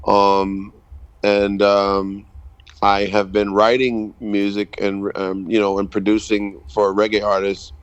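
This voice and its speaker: In a casual radio interview, a Bahamian reggae artist and producer in his thirties speaks in a measured, hesitant way, dropping many ums. His voice is smooth and on the low side, with the highs cut off.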